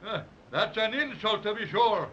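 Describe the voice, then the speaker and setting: A man's voice: high voice, animated, normal speed, fairly bright tone. An actor playing a round, stubborn, self-important policeman with a brogue, in a 1930s radio drama. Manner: blunt, drawling, self-important. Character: round stubborn roly-poly policeman, male. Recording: dull lo-fi old radio recording.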